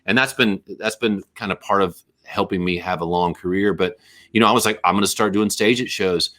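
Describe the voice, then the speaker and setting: A middle-aged man, a musician guest in a casual interview, talking in a rambling, animated, jokey way. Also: low voice, fairly quick.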